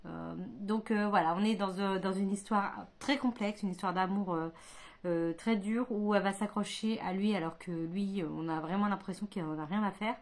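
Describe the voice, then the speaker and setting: A woman's voice: medium pitch, fairly even intonation, normal speed. Hesitant chatty woman vlogging. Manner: hesitant, many fillers and restarts; chatty, thinking aloud. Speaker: book vlogger. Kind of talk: casual chat.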